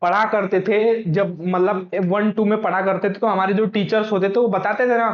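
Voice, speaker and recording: High-voiced man teaching in an echoey room. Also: fairly even intonation, normal speed. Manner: repetitive and coaxing, keeps asking and answering his own questions. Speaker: Hindi teacher. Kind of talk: exam-prep lesson. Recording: echoey room, dull lo-fi sound.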